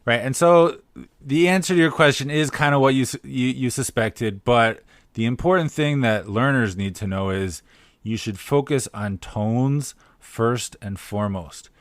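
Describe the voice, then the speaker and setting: A man co-hosting a language-learning podcast who explains ideas clearly, like a teacher, with dry humor. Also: mid-range voice, measured pace, no room sound. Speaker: podcast co-host. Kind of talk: casual chat.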